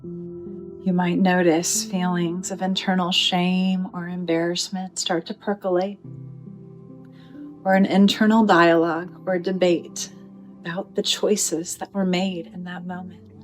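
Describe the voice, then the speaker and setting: A woman guides a meditation with gentle, soothing delivery, deliberate phrasing and pauses. Her pitch is fairly low and her tone level, with music playing in the background.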